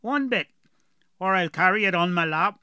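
A man voicing a gruff, thrifty male dwarf traveler with a strong rustic dialect who haggles in short, blunt phrases. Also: high-pitched, moderate pace, darkish tone, no echo, voice pushed up, lightly acted. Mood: haggling.

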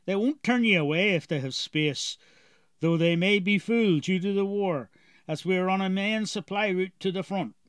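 A man's voice: sits high, moderate pace, a bit bright, smooth, dry recording, clean studio sound, voice pushed up. A man voicing a friendly, shrewd male cart driver with an easygoing, businesslike manner.

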